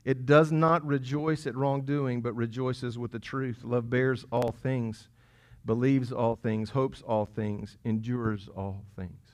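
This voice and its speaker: Man pastor preaching; easygoing, teasing, punches key lines then drops low. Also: steady tone, slow pace. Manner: conversational and playful, swinging between loud emphasis and quiet asides. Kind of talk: sermon. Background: congregation chuckling.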